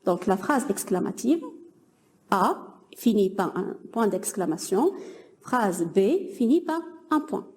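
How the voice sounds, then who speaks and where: A woman's voice: mid-range voice, lively intonation, slow pace. A young woman teaching a grammar lesson to middle-school pupils, patiently explaining and praising imagined answers.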